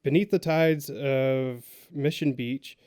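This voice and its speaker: A man co-hosting a laid-back podcast, talking in a plain, easygoing way. He hesitates often and fills pauses with ums and uhs. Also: medium pitch, fairly even intonation, darkish tone, clean tone. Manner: hesitant, lots of ums while reading. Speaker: podcast co-host. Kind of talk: casual podcast chat.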